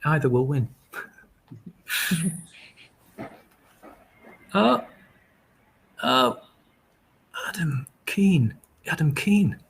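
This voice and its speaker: A man hosting a webinar casually, halting and friendly with many fillers. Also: a little high, animated, gravelly, fairly bright tone, husky. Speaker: webinar host.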